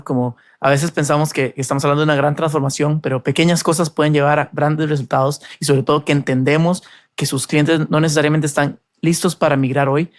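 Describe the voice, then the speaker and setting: A man's voice: fairly high pitch, no room sound, clean studio sound. A man from Costa Rica hosting a podcast, delivering a polished, upbeat scripted introduction and interview questions. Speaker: podcast host.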